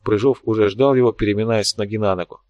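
A man's voice: on the low side, steady tone, quick pace, a little mellow, no room sound, lo-fi sound. Man narrating an audiobook, dry close sound. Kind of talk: scripted narration.

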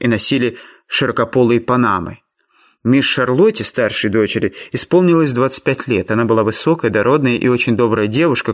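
Man reading a story evenly. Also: mid-range voice. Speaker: audiobook narrator. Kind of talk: scripted first-person narration.

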